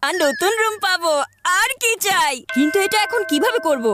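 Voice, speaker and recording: An actress voicing a smug, bossy older-brother schoolboy in a cartoon dub. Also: female voice, extremely high pitch, expressive, normal speed. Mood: scheming. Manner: bossy, smug, self-satisfied. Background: background music.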